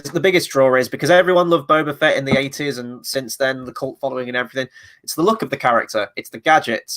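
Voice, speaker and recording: A man with a mid-range, fairly bright voice hosts a casual review chat as a podcast host. He sounds a little stuffy from a cold and rambles through his opinions with fillers.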